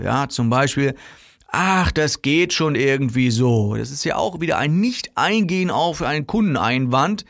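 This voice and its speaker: Gravelly-voiced man coaching salespeople. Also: medium pitch, no room sound, studio quality. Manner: chatty, acts out customer and seller quotes. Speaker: sales trainer. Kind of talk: casual spoken sales coaching.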